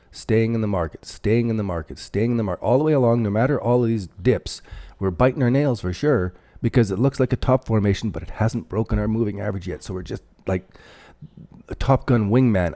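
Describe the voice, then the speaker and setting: A man's voice: fairly low pitch, dark tone. A man with a Canadian accent hosting a casual livestream, thinking aloud over charts and answering viewer chat. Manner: rambling, thinks aloud while drawing on charts. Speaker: crypto livestream host.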